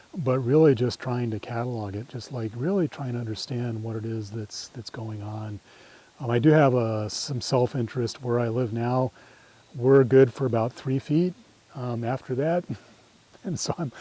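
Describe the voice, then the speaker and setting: Man, middle-aged, mellow soft-edged tone, mid pitch, walk guide, thoughtful, tentative, trailing phrase endings. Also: rough recording. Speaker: guide leading a nature walk. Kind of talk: informal guided-walk talk. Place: outdoors on a farm trail.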